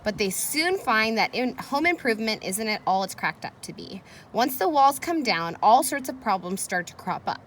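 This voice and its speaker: This teacher's voice is fairly high and a bit bright, swinging widely in pitch as she reads at normal speed with hardly any pauses. She's reading a children's chapter book to her listeners, tossing in casual encouragement and questions. Children can be heard playing in the noisy background.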